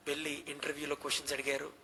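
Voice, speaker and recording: Young guy pastor telling a story from the pulpit, bright tense voice, bit high, acts out people. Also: rapid-fire, vocal fry, a little hiss or hum, low-quality recording. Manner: animated storytelling, acting out quotes. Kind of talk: sermon testimony.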